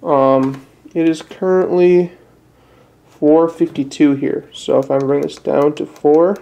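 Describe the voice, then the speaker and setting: Sitting at a desk indoors, a young man from northern Illinois walks through a how-to tutorial in plain, casual language, somewhat hesitantly. His Midwestern American voice is a little high, slow, and creaky, with a dark tone and fairly even intonation. He's an amateur presenter.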